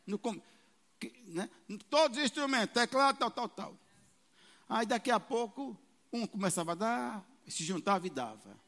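High, animated preaching pastor in a reverberant hall. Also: male voice, moderate pace. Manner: animated preaching with sudden loud peaks and quoted voices. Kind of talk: sermon. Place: church hall.

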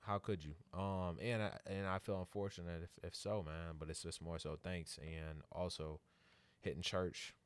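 A man's voice: low voice, steady tone, moderate pace, smooth, dry recording. An American man chatting casually with friends as he hosts, slangy and emphatic, often repeating himself for effect. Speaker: host of a group chat. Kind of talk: casual chat among friends.

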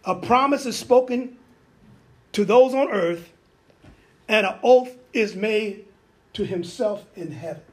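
A man with a notably high voice delivers a sermon, breaking into amens and hallelujahs as he goes. His preaching is folksy and conversational, full of homely asides, and he slips into the voices of biblical figures to act out their dialogue. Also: lively intonation, slow, pauses often.

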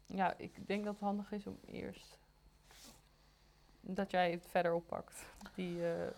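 A woman's voice: on the low side, little pitch movement, measured pace, creaky, a little mellow, a little hiss or hum. A woman co-leading a sermon, speaking hesitantly with many fillers. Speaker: co-preacher.

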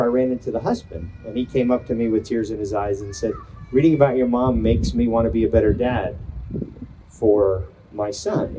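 Mellow-voiced older man rallying a crowd. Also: mid-range voice, a little hiss or hum, low-quality recording. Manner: earnest, emphatic, rousing. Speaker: speaker at a Pride rally. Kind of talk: impassioned outdoor rally speech. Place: outdoor community event.

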